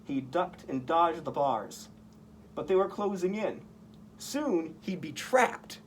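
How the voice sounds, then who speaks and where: A costumed story-time reader in a superhero persona reads a picture book aloud to children. His voice is fairly high with lively intonation and a slow pace, and there is a little hiss or hum.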